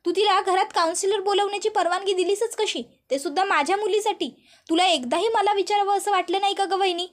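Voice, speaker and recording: A woman voicing an angry middle-aged aunt who shouts and accuses while retelling a serial episode. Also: very high voice, steady tone, fast talker, voice pushed up.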